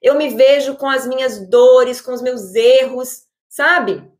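A Brazilian woman giving an energetic, expressive motivational talk to her audience as an online creator. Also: sits high, takes it slowly, echoey room.

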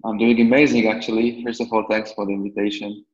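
A man's voice: on the low side, level tone, quick pace, muffled recording. A man in his twenties from Lebanon, a podcast guest answering questions casually, rambling with many restarts and fillers. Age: 20s.

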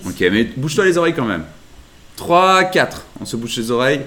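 A man's voice: medium pitch, very animated, brisk, pushed and bright. A young man co-hosting a casual podcast among friends at home, playful and teasing as he runs the countdowns. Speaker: podcast co-host. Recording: noisy home recording.

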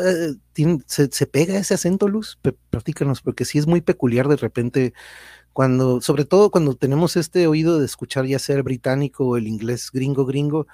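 A middle-aged man with a Mexican accent, chatting casually on a live stream. His voice is mellow and warm, recorded close and dry with no room sound. He greets viewers by name and sprinkles in slang. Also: medium pitch, dry recording. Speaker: podcast host and teacher.

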